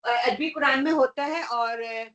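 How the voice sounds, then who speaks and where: Rich: A woman teaching Quran recitation online. She explains each rule step by step, often checks "okay?" with her students, and slows down to recite the example verses. The call audio sounds a little dull and lo-fi. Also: high voice, fairly bright tone. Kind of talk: online tajweed lesson, mixing Urdu and English.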